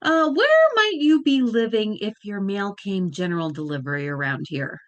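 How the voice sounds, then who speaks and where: A woman reading the part of a wry male FBI agent with dry, deadpan wit. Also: medium pitch, normal speed, dry recording, muffled recording, lightly acted. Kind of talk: dramatic script reading.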